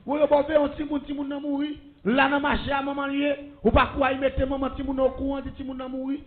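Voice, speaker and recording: High gravelly Haitian preacher. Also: male voice, completely flat delivery, quick pace. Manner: storytelling preacher with call-and-response blessings. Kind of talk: sermon testimony. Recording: muffled lo-fi recording.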